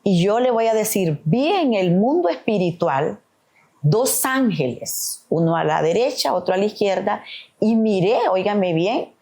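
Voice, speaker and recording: A woman's voice: medium pitch, animated, measured pace, dark tone. A middle-aged woman, a podcast guest, giving an earnest, emotional testimony of faith, often calling the host "papá".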